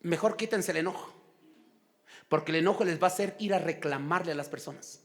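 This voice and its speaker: A middle-aged man with a Guatemalan accent preaching a sermon, lively, acting out shouting people. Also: fairly high pitch, a little fast. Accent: Guatemalan Spanish. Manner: animated preaching, acts out quarrels in shouted voices. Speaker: pastor.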